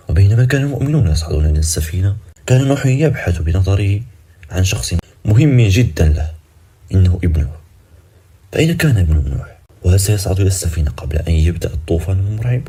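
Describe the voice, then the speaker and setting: Deep, husky, fast-paced male storyteller. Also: mellow. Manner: suspenseful, with cliffhanger questions. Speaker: narrator. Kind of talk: dramatic scripted storytelling narration.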